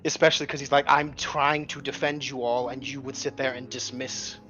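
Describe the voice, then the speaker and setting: A man with a medium-pitched, flat, brisk voice plays a tabletop game, talking at length and casually arguing strategy with some mild swearing. The highs are cut off and music plays in the background.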